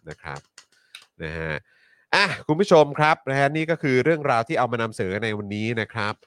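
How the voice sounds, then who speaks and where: A man's voice: mid-range voice, very animated, fast, fairly bright tone, clear, resonant tone, dry recording, clean studio sound. A man hosting a talk show, talking animatedly with co-hosts and often turning to the viewers. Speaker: show host.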